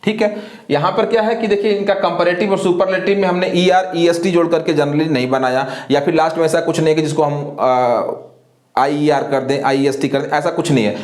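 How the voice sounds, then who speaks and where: A man teaching an English grammar lesson, who asks questions and answers them himself, slow and deliberate, often spelling words letter by letter. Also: a little high, a little mellow, roomy sound. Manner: slow and deliberate, repeats filler phrases.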